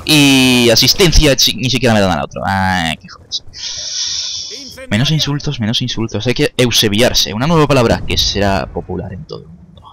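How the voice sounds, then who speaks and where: A man's voice: on the low side, fairly bright tone, slight background noise. A young man giving casual commentary over his own gameplay, chatty, cursing at opponents and talking to his viewers. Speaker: gaming YouTuber.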